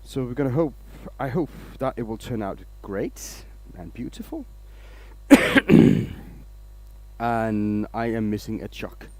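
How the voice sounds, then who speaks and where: A man's voice: mid-range voice, very animated, takes it slowly, a little mellow, no room sound. A man from Denmark, hosting a casual woodturning livestream, rambling along and greeting viewers by name.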